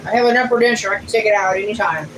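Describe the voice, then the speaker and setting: A woman's voice: mid-range voice, very fast. A middle-aged woman, chatting casually on a family livestream and reading viewer comments aloud. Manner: homey, chatty, plainspoken. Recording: distant mic in a noisy room.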